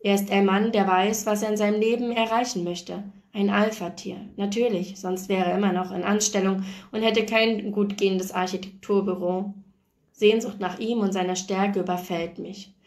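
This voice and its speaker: A woman reading aloud from a novel in a calm, soft storytelling voice, sometimes dropping to a hush. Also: mid-range voice, normal speed. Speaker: reader.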